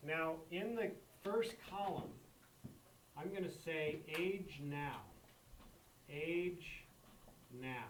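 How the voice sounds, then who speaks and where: Man, math teacher, slightly high voice, classroom lesson, roomy and distant sound. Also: very slow, long pauses, a little hiss or hum. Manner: repeats key points with emphatic checks. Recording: echoey classroom from far off.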